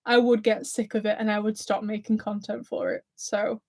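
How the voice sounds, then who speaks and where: A woman with a medium-pitched, slightly mellow voice talks at a moderate pace with a flat delivery. This English YouTuber in her twenties, from near Blackpool, blends Lancashire and Scouse in her accent and giggles nervously while reading viewer comments on her livestream.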